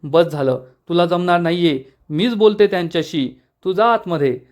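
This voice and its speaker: A man voicing an irritated young wife in a spoken serial recap, in his own high voice with a scolding delivery. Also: normal speed, darkish tone, natural voice. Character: angry young wife, annoyed and stubborn.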